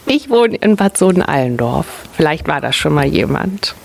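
A woman's voice: sits low, very animated, normal speed, vocal fry, a little mellow, slight background noise. A woman in her thirties who works at a family office. She answers children's interview questions simply and patiently and often repeats each question back before answering. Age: 30s.

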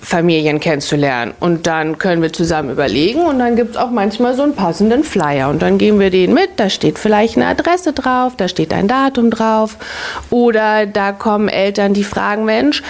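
A woman's voice: mid-range voice, expressive, moderate pace. Woman in her thirties, patient with children. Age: 30s. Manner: patient, child-directed, repeats children's questions back. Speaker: family office employee interviewed by children. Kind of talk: explaining simply to children.

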